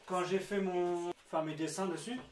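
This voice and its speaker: A man narrating his craft vlog in a casual, slangy way, easily excited about his new gear. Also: sits high, moderate pace. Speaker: vlogger.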